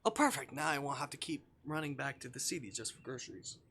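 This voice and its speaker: Talking fast and expressively in a mid-range voice that's sharp with a breathy edge, a man reads a visual novel's text aloud on a casual gaming stream. He drops playful, mumbled remarks along the way.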